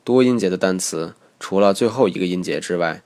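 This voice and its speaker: Low-voiced man teaching a lesson. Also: fairly quick, darkish tone. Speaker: English teacher. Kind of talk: scripted lesson narration.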